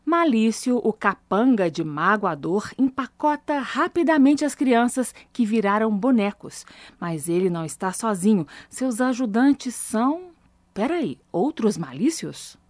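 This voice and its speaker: A woman's voice: on the high side, sing-song, a little slow, no echo. A woman narrating a scripted children's story.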